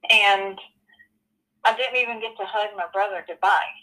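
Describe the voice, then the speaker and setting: Telling her own story as an interview guest, this woman in her forties speaks earnestly but haltingly, filling pauses with lots of ums and you-knows. She has a mid-range voice with a sharp tone, captured in poor audio.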